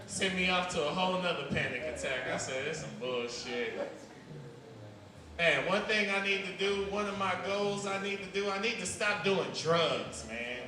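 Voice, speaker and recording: High-voiced man doing stand-up in an echoey club. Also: moderate pace, hardly any pauses, crowd noise. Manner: loose, rambling delivery with sudden loud outbursts. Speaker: stand-up comedian. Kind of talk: stand-up comedy set. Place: comedy club stage. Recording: roomy, distant live club recording with noise.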